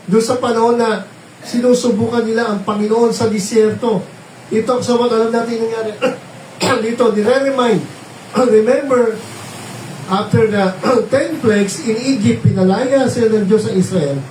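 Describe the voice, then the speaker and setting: A man's voice: very high voice, fairly even intonation, moderate pace, a little mellow, slight background noise. A man preaching a sermon, switching between Tagalog and English and often checking in with his listeners through tag questions. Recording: roomy, distant mic, faint ambience.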